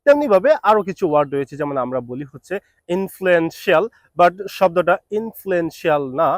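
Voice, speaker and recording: A man with a fairly high voice, his first language Bengali, gives a pronunciation lesson, stating the wrong and the right way to say each word, then repeating the right one slowly. The recording is dry and close, with no room sound. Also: lively intonation, no echo. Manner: sets the common mispronunciation against the correct one. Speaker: English pronunciation teacher.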